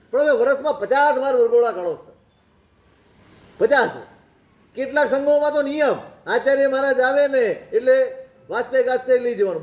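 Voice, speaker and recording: A man's voice: very high-pitched, a little mellow. A man, a monk, delivering a sermon that mixes stories with rhetorical questions. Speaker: Jain monk preacher. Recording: roomy echoing recording.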